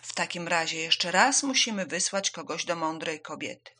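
A woman voicing a hungry, tired male lion who leads the animals, speaking in a steady, low, measured way. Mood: weary.

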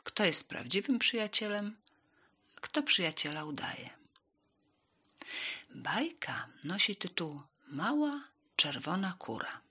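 A woman reading a fairy tale aloud for children in an animated, expressive storytelling manner. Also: lowish voice, slow pace, long pauses, breathy edge.

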